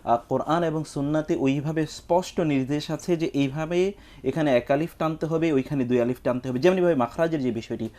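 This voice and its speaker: A man with a fairly high voice explains religious rulings in a measured, teacherly way. He recites Arabic phrases and builds his points step by step, as a scholar answering on a studio question-and-answer program. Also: warm tone. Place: television studio.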